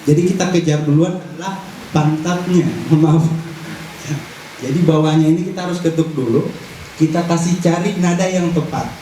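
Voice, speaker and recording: Man, fairly high voice, explains craft plainly at a workshop, recorded from afar in a booming hall. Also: a little fast, dark tone. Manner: plainspoken, explains step by step while tapping an instrument. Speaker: instrument maker demonstrating at a workshop. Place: large hall. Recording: roomy echo, distant mic, audible room noise.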